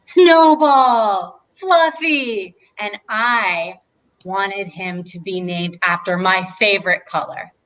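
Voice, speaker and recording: On a low-quality recording, a woman of medium pitch speaks slowly with a bit of brightness. She is a librarian running storytime for children, encouraging them and posing questions.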